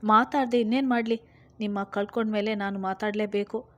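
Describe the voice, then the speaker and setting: A woman's voice: medium pitch, fairly even intonation, brisk, a bit bright, lightly acted. A woman voicing a weary, mistreated middle-aged mother who answers back bitterly in a read-aloud story. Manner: bitter, resigned.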